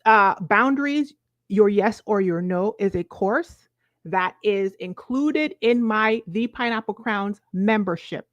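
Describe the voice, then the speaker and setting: A woman's voice: medium pitch, a bit bright, no room sound. A woman in her forties with a Virgin Islands accent, giving an emphatic, conversational motivational talk to viewers, often checking in with short questions. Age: 40s. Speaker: self-help coach.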